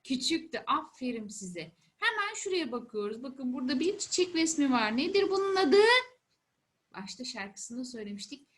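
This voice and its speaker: Lady teacher with a really high voice, explaining stuff to little kids step by step, repeats words and asks questions. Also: sing-song, moderate pace. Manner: explaining to a child, simple repeated phrases and questions. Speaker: primary school teacher. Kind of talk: first-grade letter lesson for children.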